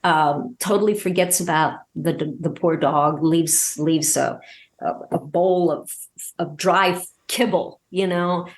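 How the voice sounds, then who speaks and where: Talking casually as a guest in an interview, a woman who creates an audio drama podcast describes her creative work, performing snippets of dialogue as she goes. Her voice is on the low side and slow.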